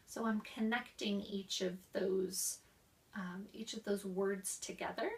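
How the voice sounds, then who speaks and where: Young woman, slow, gravelly voice, instructional tone, a bit off-mic. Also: medium pitch, steady tone, far from the mic. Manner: demonstrates exercises with coughs, sighs and slow linked speech. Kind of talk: explaining voice exercises.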